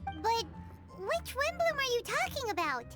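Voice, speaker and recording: A woman voicing a tiny, excitable female companion creature in a video game dub, blunt and squeaky. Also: unhurried, over loud music, full character voice. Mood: curious.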